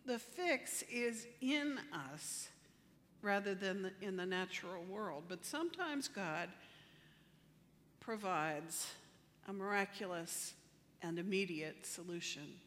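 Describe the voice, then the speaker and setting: Slow, bright-voiced woman preaching. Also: mid-range voice, expressive, in a large hall, a little hiss or hum. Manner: measured, emphatic preaching with slow deliberate phrasing. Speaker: pastor. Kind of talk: sermon.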